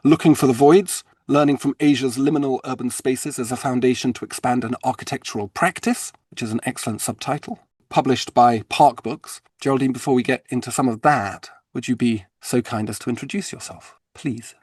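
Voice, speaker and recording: A man at an ordinary middle pitch hosts an interview podcast, his tone polite and eager. His voice has a slightly husky grain, and he sometimes trips over a word before pressing on. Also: a little fast, hardly any pauses, a little mellow, no echo. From Britain. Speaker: podcast host. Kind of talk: interview conversation.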